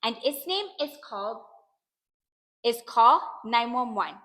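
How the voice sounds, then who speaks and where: A woman reads a children's chapter book aloud, narrating in an animated, expressive first-person voice. Her voice is high and bright, with lively swings in pitch. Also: slow pace. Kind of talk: storybook read-aloud.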